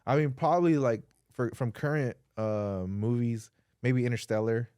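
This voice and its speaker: A man's voice: mid-range voice, fairly even intonation, normal speed, warm tone, clean tone, dry recording, clean studio sound. A man in a casual, opinionated podcast chat, earnestly arguing his point with slang and swearing. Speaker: podcast host.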